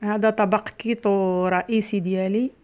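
In her home kitchen, a middle-aged cooking channel host with a Moroccan Arabic accent runs a casual vlog, explaining each step to viewers as she cooks. She speaks at a normal speed in a medium-pitched, darkish voice that is clear and resonant, with fairly even intonation. The camera stands near the worktop and she stays mostly off frame.

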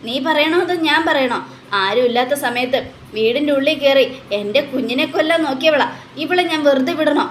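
A woman's voice: high-pitched, a little fast, slight background noise, close to an everyday voice. A woman voicing an angry young mother who scolds fiercely to protect her baby, in a storybook retelling. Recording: echoey room.

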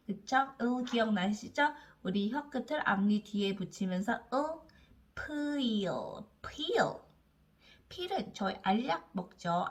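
A woman teaching English reading, sounding out each letter slowly and coaxing learners to repeat words after her. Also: mid-range voice. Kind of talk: slow phonics lesson for learners.

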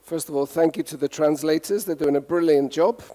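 A man's voice: a little high, brisk, mellow, long reverb tail. A man raised in the UK, giving a humorous conference talk and playfully asking the audience questions. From United Kingdom. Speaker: conference speaker. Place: conference hall.

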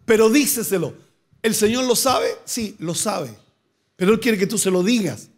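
A man's voice: sits high, expressive, moderate pace. A male pastor preaching a sermon, asking rhetorical questions and building to emphatic repeated phrases. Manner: preaching with rising emphatic bursts and repeated words.

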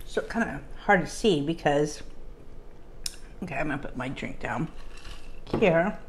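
A woman's voice: low-pitched, animated, measured pace, a little hiss or hum. A woman vlogger telling casual stories while eating, chatty, with frequent "like" fillers. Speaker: mukbang vlogger.

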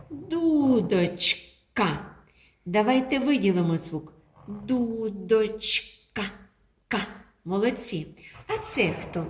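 A woman teacher speaks to small children in a slow, sing-song manner, her pitch rising and falling a lot. Her voice rings out in an echoey room. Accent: Ukrainian. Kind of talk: children's lesson.

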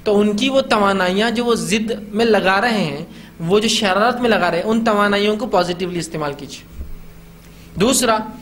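A man's voice: sits high, moderate pace, fairly bright tone, a little hiss or hum. A man giving an informal lecture on parenting, acting out the lines parents say to children. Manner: conversational, acts out parents' scolding lines. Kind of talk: informal talk to an audience.

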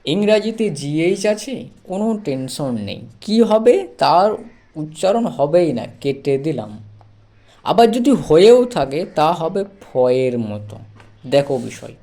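A man teaching an English reading lesson, slowly spelling words out letter by letter and repeating key points. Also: a little high, dark tone. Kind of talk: classroom-style reading lesson.

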